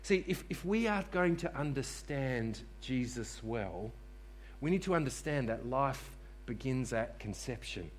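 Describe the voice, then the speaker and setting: A man's voice: medium pitch, lively intonation, unhurried, a little hiss or hum. A man preaching a sermon to a congregation in church, repeating key phrases for emphasis and calling on listeners to respond. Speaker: pastor.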